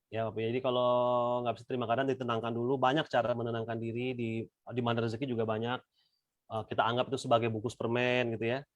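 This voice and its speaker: A man's voice: mid-range voice, dry recording. Dry-voiced man teaching on a call. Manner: relaxed conversational, addresses listeners as "Bapak Ibu". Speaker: speaker at a weekly religious study session. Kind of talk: informal religious teaching. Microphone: video call.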